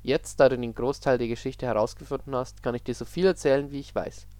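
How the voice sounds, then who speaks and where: A weary, sorrowful spirit of the dream realm speaks in a soft, subdued voice, as a man reading the story puts him on. The voice sits at an ordinary middle pitch. The recording is dry and close. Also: fast talker, no room sound, natural voice. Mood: somber. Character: sad weary otherworldly male dream being.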